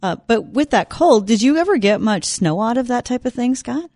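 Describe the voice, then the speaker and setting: A woman's voice: on the high side, expressive, moderate pace, a little mellow, no echo. A woman hosting a radio show in a chatty, informal, conversational way, moving between questions and announcements. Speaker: radio host. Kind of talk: conversational hosting with sponsor reads.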